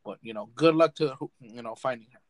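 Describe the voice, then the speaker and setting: A man's voice: mid-range voice, fast, no echo. A young man hosting a casual podcast, rambling and blunt, swearing freely. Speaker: podcast host.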